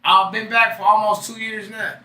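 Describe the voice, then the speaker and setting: A man's voice: high voice, little pitch movement, moderate pace, sharp tone, echoey room, far from the mic. A man in his late thirties from Lawton, hosting a casual, profane interview chat. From Lawton, Oklahoma. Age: 30s. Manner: loose, profane street talk. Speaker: podcast host.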